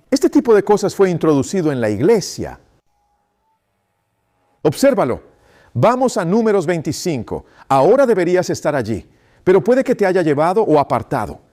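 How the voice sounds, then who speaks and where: A male preacher delivers a sermon in a voice pitched a little high. He talks with insistent emphasis. He keeps putting rhetorical questions to his congregation. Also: very animated, moderate pace, long pauses, darkish tone.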